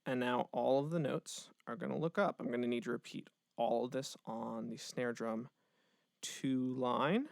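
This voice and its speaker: A man, a music educator, casually walking through a software tutorial step by step, with the odd filler word. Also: medium pitch, fairly even intonation, unhurried, gravelly, no room sound, studio quality. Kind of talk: screen-recorded software tutorial.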